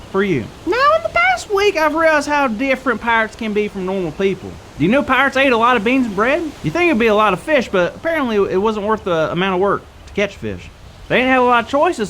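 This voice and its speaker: A goofy kids' show co-host who has gone all in on pretending to be a pirate, as a performer plays him. The voice sits in a middle pitch and leaps up and down with wide swings. There is a faint hiss under it. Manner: playful, silly, lively. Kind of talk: kids' church show skit.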